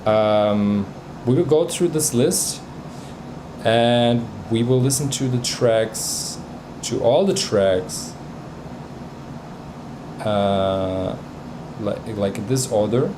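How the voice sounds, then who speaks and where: A man with a medium-pitched voice, whose first language is Bosnian, hosts a music livestream where he reviews tracks in casual chat. His speech is hesitant, packed with fillers and restarts, and there's background noise.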